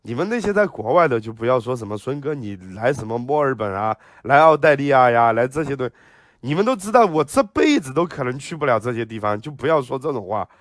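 A man's voice: mid-range voice, big pitch swings, fast talker, no echo, studio quality. A man with a Sichuan accent livestreaming, reading viewer comments and ranting with heavy swearing. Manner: profane, ranting; reads viewer comments aloud. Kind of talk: livestream chat.

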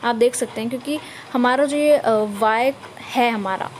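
A woman's voice: a little high, moderate pace, slight background noise, low-quality recording. Patient woman explaining a shorthand lesson. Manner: patient step-by-step explaining with frequent check-ins. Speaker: shorthand teacher. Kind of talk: screen-recorded tutorial explanation.

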